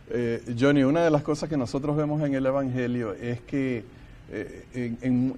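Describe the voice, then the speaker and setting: A man's voice: mid-range voice, darkish tone. A man leading a Bible study discussion, talking earnestly and thinking aloud, and sometimes reading scripture passages aloud.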